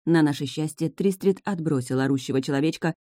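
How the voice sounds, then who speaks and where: A woman's voice: sits low, fast, dark tone, no echo. A woman reading a first-person fantasy story aloud as an audiobook narrator, close to the mic.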